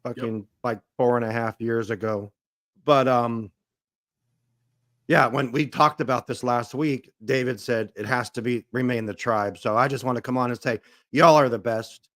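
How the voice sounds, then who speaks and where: A man with a hoarse, rough, raspy voice worn out by coughing, chatting casually and informally. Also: medium pitch, steady tone, moderate pace, fairly bright tone. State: hoarse, voice nearly gone from coughing. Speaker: guest, co-founder of a fan show. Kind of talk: casual chat.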